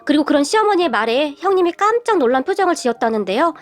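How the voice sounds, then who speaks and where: A woman tells a family story in the first person, chatty and confiding. Her voice sits high. Faint music plays under her. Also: sing-song, fast. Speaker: narrator.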